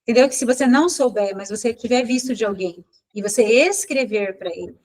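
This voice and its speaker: A woman leads a live online class as a mentor. Her voice sits a little high, and her talk is informal and thought out loud, with frequent self-corrections. It comes through a video call. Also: brisk, poor audio. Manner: informal, thinks aloud, corrects herself.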